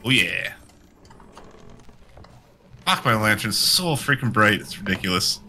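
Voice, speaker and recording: Very bright, jokey gamer with quick asides, faint music behind. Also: male voice, on the low side, big pitch swings, creaky. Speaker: livestream gamer. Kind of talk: casual gameplay chat.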